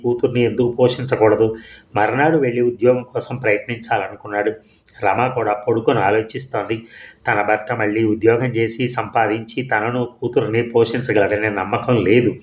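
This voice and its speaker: A man giving steady, measured storybook narration of a serial. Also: medium pitch. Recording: echoey room.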